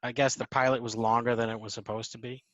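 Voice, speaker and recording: Chatty man with a bright, dry voice. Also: flat delivery, quick pace, dry recording, dull audio. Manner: chatty, jumps into squeaky comic impressions. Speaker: podcast co-host. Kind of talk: casual chat over video call. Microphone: video call.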